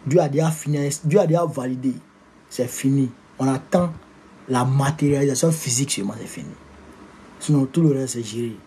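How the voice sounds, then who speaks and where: A man's voice: medium pitch, brisk, warm tone, a little hiss or hum. A man with an Ivorian French accent, ranting at political opponents in a combative, insulting and repetitive way. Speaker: political activist. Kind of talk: political rant to camera.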